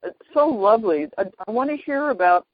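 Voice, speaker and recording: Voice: mid-range voice, lively intonation, a little fast, breathy edge, no echo. An interview host chatting casually, reacting effusively and asking eager questions, on dull lo-fi audio.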